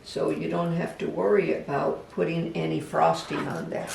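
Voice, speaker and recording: A craft instructor giving a casual step-by-step demonstration, talking gently and unhurriedly, even chatting to the project. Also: mid-range voice, normal speed, gravelly. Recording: echoey room, voice from a distance, faint background hum.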